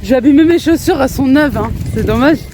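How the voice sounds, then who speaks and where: A woman's voice: high voice, lively intonation, quick pace. Chatty laughing woman vlogging outdoors. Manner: chatty and laughing, often breaks off to talk to her children. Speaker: family vlogger. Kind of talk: casual vlog chat while out with her kids. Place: outdoors in a park. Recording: faint outdoor street noise.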